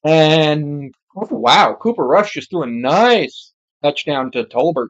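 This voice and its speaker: Slow but animated, an amateur commentator of unclear sex gives casual live football play-by-play, muttering asides and fixing their own mistakes. Their voice is mid-range, and the recording has its highs cut off.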